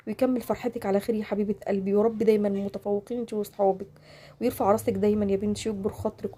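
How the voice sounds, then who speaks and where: An Egyptian woman in her forties talks straight to her viewers from home at a rapid clip. Her voice is dark and a little husky, and her speech is full of oaths and blessings. She comes across as emotional and devout. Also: medium pitch. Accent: Egyptian Arabic. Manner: emotional and devout, frequent religious phrases and oaths. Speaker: vlogger. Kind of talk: casual chat to camera. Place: home, during a power cut.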